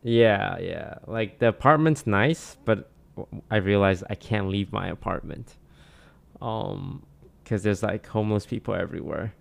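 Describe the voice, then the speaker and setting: A young man from Malaysia, chatting casually on a stream in a relaxed way, trailing off with many fillers. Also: fairly low pitch, measured pace, creaky. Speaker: streamer answering questions. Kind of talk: casual chat. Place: small home streaming room. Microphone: studio mic on boom arm, headphones.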